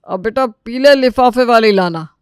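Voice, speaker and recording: A woman's voice: fairly high pitch, moderate pace, clean tone, no echo, clean studio sound, voice pushed up, close to an everyday voice. A woman voicing a stern older father-in-law in a cartoon story, scolding in a fatherly way. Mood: asking.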